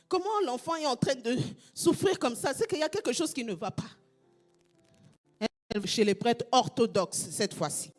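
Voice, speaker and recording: Woman pastor from Congo, fervent preacher, high voice, repeats lines in half-sung shouts. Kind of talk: sermon.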